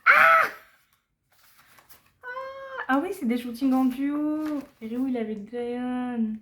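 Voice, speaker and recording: A woman's voice: on the high side, a little slow, a little mellow. Young woman, unboxing vlogger, chatty and giggly, mutters asides under her breath; roomy echo, faint noise behind. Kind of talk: casual unboxing chat. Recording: echoey room, faint background noise.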